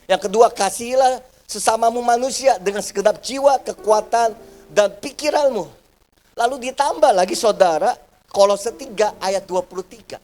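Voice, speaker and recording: A man's voice: high voice, normal speed, darkish tone. A man pastor preaching a sermon to his congregation, calling them "brothers and sisters" and acting out the voices of people in his stories. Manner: addresses the congregation as "saudara" often, acts out quoted family voices. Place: church service.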